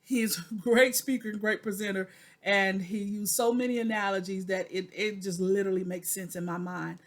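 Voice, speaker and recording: A vlogger in her forties records a personal video diary, earnestly and almost preacherly addressing viewers as "y'all" and repeating phrases for emphasis. She speaks at a moderate pace in a mid-range voice with fairly even intonation.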